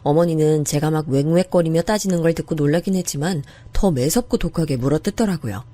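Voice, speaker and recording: A woman's voice: low voice, a little fast, warm tone. A woman narrating a first-person story in an earnest, confiding way. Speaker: narrator of a true-story drama.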